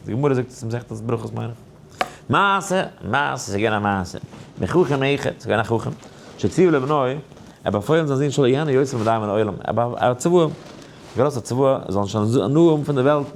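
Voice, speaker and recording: A rabbi gives an animated Torah lesson. He talks in a sing-song way, swooping high and dropping low, and sometimes draws phrases out into a slow chant. His voice sits at a middle pitch, with a faint hiss in the background. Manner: lively, swings high and low. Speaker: rabbi teaching a daily Torah class.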